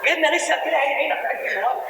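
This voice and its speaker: A man's voice: very high-pitched, racing, very echoey, noisy background. A man playing a whiny, dim-witted thief sidekick. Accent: Egyptian Arabic. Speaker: stage actor. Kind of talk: comic stage play.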